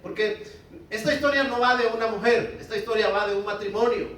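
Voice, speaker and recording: A man's voice: high voice, a little fast, a bit bright, very echoey, distant mic, rough recording. A male pastor preaching a sermon in a conversational way, often asking the congregation to respond. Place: church hall.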